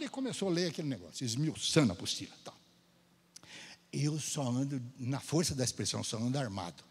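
A man's voice: a little high, husky. A man from Brazil telling a testimony in a church sermon, storytelling and acting out the dialogue. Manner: storytelling, lively, acts out dialogue. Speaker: Gideon speaker at church. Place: church sanctuary. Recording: hall reverb in church.

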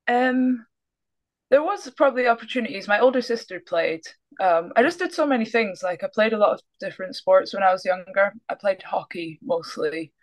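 A young Scottish woman, a basketball player appearing as a guest, chats over a video call from a small indoor room in a casual interview. Her medium-pitched voice has lively intonation at a normal pace, and she's easygoing, laughing often and trailing off.

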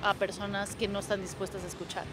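A woman in her thirties, an actress answering in a quick, wry, matter-of-fact way outdoors into a handheld mic. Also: medium pitch, little pitch movement, soft background music. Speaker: actress, guest. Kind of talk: interview answers. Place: outdoors beside a trailer. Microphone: handheld microphone held by interviewer.

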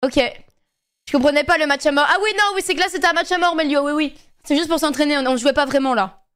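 A woman's voice: sits high, fairly even intonation, fast, a bit bright. A young woman streaming a game, chatting casually and laughing with friends. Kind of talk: casual gaming chat with friends.

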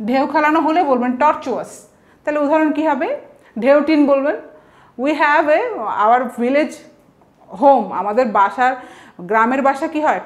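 In this explanatory lesson, a high-voiced woman teaches English vocabulary, going through each word patiently and weaving English example sentences into what she says.

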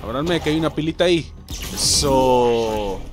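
A man with a Mexican accent playing a shooter video game, giving loud excited commentary, swearing constantly and talking to the enemies and the viewers. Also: mid-range voice, a little slow. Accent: Mexican Spanish. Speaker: gaming video host. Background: game music.

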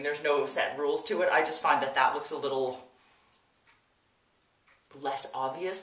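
Chatty woman with a low voice doing a makeup how-to, bathroom echo all around, mic sits back a bit. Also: fairly bright tone. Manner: chatty, loose, repeats words for emphasis. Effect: echoey room sound. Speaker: makeup tutorial vlogger. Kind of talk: casual chatty tutorial. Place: home bathroom. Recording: echoey bathroom, mic at a distance.

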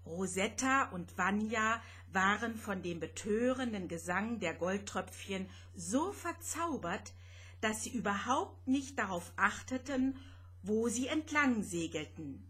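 Slow, breathy woman reading a children's story. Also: medium pitch, animated, a bit bright. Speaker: author reading her own story.

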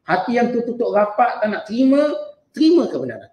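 A man with a Malaysian Malay accent teaching a Quran exegesis lesson, chanting Arabic verses slowly and then explaining them in lively everyday speech. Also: very high voice, echoey room, lo-fi sound. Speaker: religious teacher.

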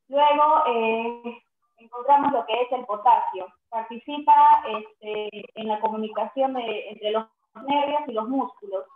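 Girl, echoey tinny call. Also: on the high side. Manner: reads steadily with many "eh" fillers. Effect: echo on her voice over an online class call. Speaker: student presenting. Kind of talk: class presentation. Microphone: video call.

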